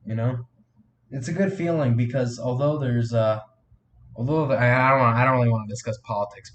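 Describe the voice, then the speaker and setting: There's slight background noise as a sniffly, medium-pitched man runs a relaxed live stream. He makes fan films, and here he answers viewers' chat messages in a rambling way, full of fillers and false starts.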